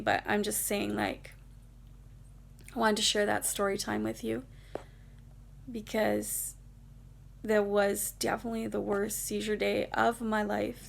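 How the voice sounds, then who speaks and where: A woman vlogger telling a story from her own life, talking in a casual, rambling way with lots of fillers. Her voice is mid-pitched and full of heavy vocal fry, a gravelly creak running through her speech. She sounds emotional as she tells it. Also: slight background noise.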